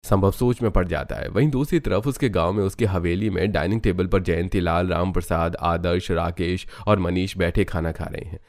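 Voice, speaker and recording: A man narrating a cartoon story, low and even. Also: normal speed, hardly any pauses. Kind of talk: scripted narration.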